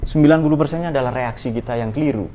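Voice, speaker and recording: A man's voice: mid-range voice, rapid-fire, mellow. A man giving an informal religious study talk, conversational and playful, with many rhetorical questions. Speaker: Islamic religious teacher.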